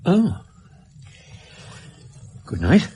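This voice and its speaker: An actor playing a proper, loyal, easily astonished British doctor and detective's companion in a radio drama, questioning and incredulous. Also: male voice, high voice, huge pitch swings, drawn-out words, mellow, a little hiss or hum, full character voice.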